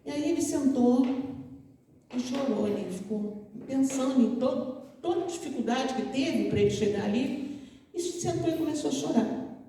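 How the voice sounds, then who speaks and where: A woman giving a storytelling lecture to an audience, animated and full of pauses. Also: high voice. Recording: echoey hall, mic far off.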